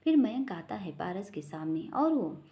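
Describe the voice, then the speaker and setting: A woman storyteller narrating a family drama. Her delivery rises and falls in a lively way, and her tone is soft and mellow. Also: fairly low pitch, measured pace. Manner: expressive storytelling.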